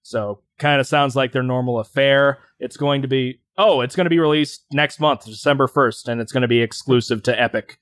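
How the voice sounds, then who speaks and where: A man's voice: mid-range voice, fairly even intonation, fairly quick, hardly any pauses, a bit bright, no echo. Male podcast co-host, mid-range voice, rambling casual delivery, dry close sound. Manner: rambling, hesitant, many fillers and restarts.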